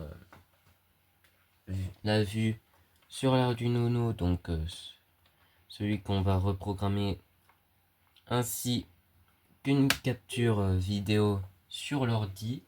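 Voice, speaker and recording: A young man with a lowish, slightly mellow voice talks casually through an electronics project while stuffy with a cold. The hobbyist YouTuber's screen-recorded tutorial is full of hesitations, fillers, and slang.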